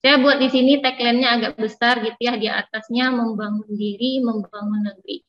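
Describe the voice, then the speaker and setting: A woman's voice: on the high side, steady tone, a little fast. An Indonesian-accented woman speaking through a face mask, giving a semi-formal seminar talk in a conversational way that often checks in with listeners. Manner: conversational, frequently checking with listeners using tag phrases. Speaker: guest lecturer at an online seminar. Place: room on a university campus, on a video call. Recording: dull lo-fi video call audio.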